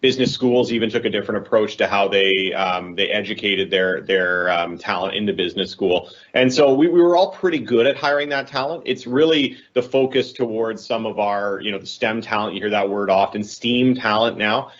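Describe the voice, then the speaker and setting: A man talks as a corporate talent head giving a conversational panel answer, his pitch fairly low and his pace a little fast with few pauses. He explains his points reflectively and corrects himself along the way. The audio sounds dull.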